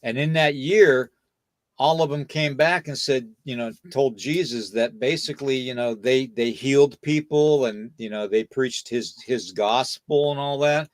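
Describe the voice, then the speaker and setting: This American man hosts a podcast in a mid-range voice, speaking a little slowly in a dry recording. His casual talk takes on a lecturing tone, and he checks in with "okay?" and "you know" between points.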